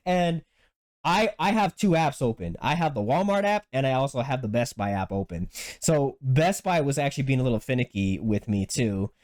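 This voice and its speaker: Chatting casually on his podcast, the host tells a lively story at an even, moderate speed. Swear words come often, he restarts a lot, and quoting himself sends his voice suddenly higher.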